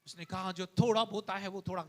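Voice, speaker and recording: A man with an Indian accent preaching a sermon to his church, dropping to hushed asides and then rising to loud calls, repeating phrases to the congregation. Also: sits high, fairly even intonation, brisk. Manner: swings between hushed asides and loud exhortations. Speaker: pastor. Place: church hall.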